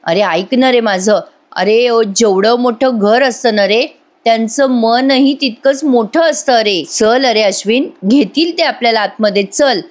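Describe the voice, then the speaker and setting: A woman's voice: a little high, a little slow, close to an everyday voice. A woman doing a pushy, wheedling young schemer. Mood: coaxing. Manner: coaxing, insistent repetitions.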